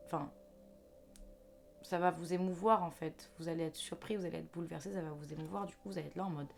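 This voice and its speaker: With vocal fry and fairly even intonation, a young woman talks quickly in a voice on the low side. She offers a casual, reassuring card reading to viewers over faint music, chatting along with fillers and restarts.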